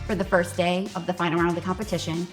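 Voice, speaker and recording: A woman's voice: fairly low pitch, little pitch movement, fast, over music. A woman narrating a competition show in a matter-of-fact, explanatory documentary voice-over.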